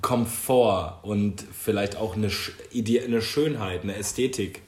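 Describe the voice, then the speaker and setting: A man's voice: fairly low pitch, slow pace. Musing man on a roomy podcast. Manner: musing, philosophical tangents. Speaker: podcast co-host. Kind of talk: casual chat. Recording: roomy echo with faint noise.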